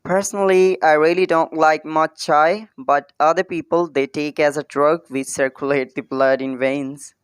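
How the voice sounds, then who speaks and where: Pakistani man as chat guest; smooth, clean and dry. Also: fairly high pitch, fairly even intonation, normal speed, hardly any pauses, no echo. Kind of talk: casual chat.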